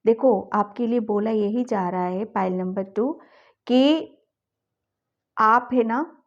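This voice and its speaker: Slow, encouraging woman reading tarot. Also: a little high, dull audio. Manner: coaxing and encouraging, with a repeated ठीक है at the ends of thoughts. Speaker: tarot reader. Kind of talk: addressing viewers in a tarot reading.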